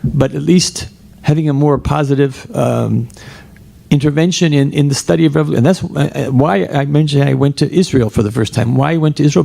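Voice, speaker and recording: A man's voice: medium pitch, gravelly, mellow. A man speaking as a scholar on a panel discussion, emphatic and argumentative, often restarting his sentences.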